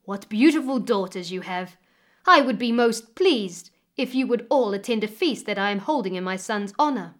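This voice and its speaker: A woman voicing a polite, admiring male village head who speaks in a courteous, warm way. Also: mid-range voice, lively intonation, normal speed, close to an everyday voice. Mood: delighted.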